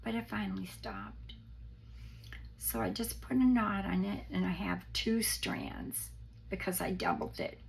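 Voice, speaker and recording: A woman hosts a casual craft tutorial in a hoarse, deeply crackling voice that frays into a papery whisper. She sounds unwell and goes slowly and gently, pausing to think aloud. There is noticeable noise behind her. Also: very animated. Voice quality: croaky, breaking into papery whisper. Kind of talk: casual step-by-step craft demonstration.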